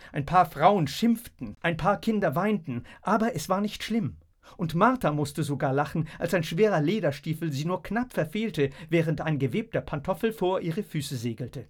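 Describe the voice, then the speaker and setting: A man reads a story aloud with an expressive, animated delivery. His voice sits a little high and swings widely in pitch. The reading has the even pull of a practised audiobook narrator.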